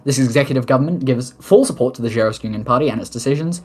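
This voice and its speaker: In a racing, mid-range voice with a darkish tone and a breathy edge, the head of government of an online role-play nation works through submitted questions. The mock-formal political address mixes official statements with offhand asides.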